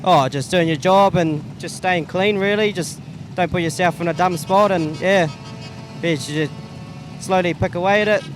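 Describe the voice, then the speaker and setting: Male driver, New Zealand accent, slightly high voice, laid-back interview answers with music behind. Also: moderate pace. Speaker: stockcar driver. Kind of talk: casual trackside interview.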